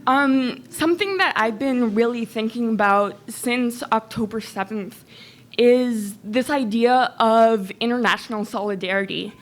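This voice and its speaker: A woman's voice: on the high side, a little slow. A woman from El Salvador, an audience member, asking a long, reflective question at a public Q&A with many "um" and "like" fillers.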